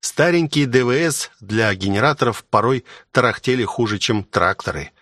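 Brief: male narrator, even mid voice, matter-of-fact, dead-dry booth. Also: mid-range voice, moderate pace, no echo. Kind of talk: audiobook narration.

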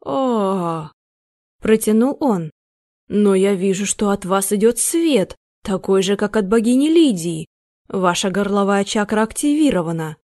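A woman's voice: medium pitch, expressive, measured pace, mellow, dry recording, clean studio sound, lightly acted. A woman voicing an obsessed, frantic thin man in his thirties, pleading in a rapturous way. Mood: dreamy.

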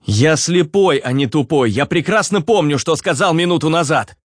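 A man's voice: medium pitch, animated, brisk, dry recording, clean studio sound, voice pushed up, lightly acted. A man voicing a blind young man who speaks in a curt, exasperated way, for an audiobook. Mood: irritable.

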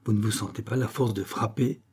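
A proud queen, stubborn and indignant with a raised, bitter edge. The tone stays dark and husky throughout this audiobook reading. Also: on the low side, a little fast.

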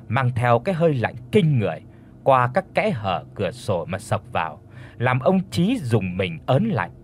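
A man reading a horror story aloud in an expressive, steady way. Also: medium pitch, a little hiss or hum. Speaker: audiobook narrator. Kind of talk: scripted horror story narration.

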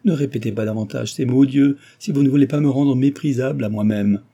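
A man's voice: fairly quick, dark tone, close to an everyday voice. A man voicing a proud, distressed young heiress. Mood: ashamed, agitated. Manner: pleading, emotional, high-strung. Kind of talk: audiobook reading.

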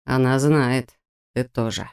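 A curt, sneering corrupt policeman with a gun, his threats short and cold, as an audiobook reader puts him on. The voice sits clearly lower than the narration. It keeps a steady, contemptuous menace. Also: slow. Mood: menacing. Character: rough corrupt cop with a gun, male, menacing.

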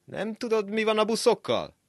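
Eager shouting boy put on by a male reader, pitched way up, dry studio sound. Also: sing-song, no echo. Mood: calling out. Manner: high, loud calling out.

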